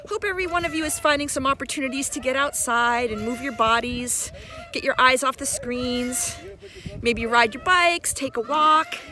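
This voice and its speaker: Recorded outdoors in a park with ambient noise around her, a middle-aged woman with a high-pitched, sharp-toned voice speaks at a moderate pace. She's an encouraging teacher recording a casual video message to her students.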